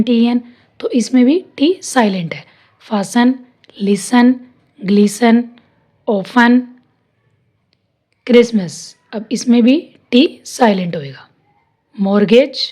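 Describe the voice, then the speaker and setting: Slow, high-voiced woman teaching. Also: a little mellow. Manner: explains rules then reads example word lists, stressing each word. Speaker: English pronunciation teacher. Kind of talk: lesson.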